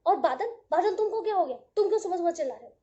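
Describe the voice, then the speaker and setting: A kindly, sleepy sun who speaks as a gentle peacemaker, voiced by a woman storyteller. The tone is warm and mellow, the pitch high, and the recording a little dull and lo-fi. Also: animated, racing. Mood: questioning. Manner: gentle, mildly puzzled questioning. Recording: dull lo-fi audio.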